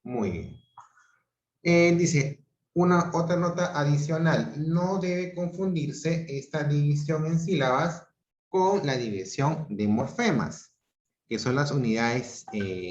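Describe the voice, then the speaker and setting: This online grammar lesson comes from a Peruvian man with a mid-range voice and a Peruvian Spanish accent, heard through roomy, dull video-call audio. Deliberate and slow, he repeats each example syllable by syllable and frequently checks in by asking "¿ok?" and "¿ya?".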